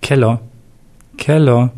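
A man's voice: mid-range voice, fairly even intonation, slow, dark tone, lightly acted. A man voicing a shaken young male police detective in a read-aloud crime story, subdued and earnest.

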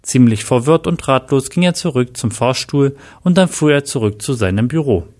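A man's voice: medium pitch, expressive, moderate pace, darkish tone. Man reading a horror story aloud.

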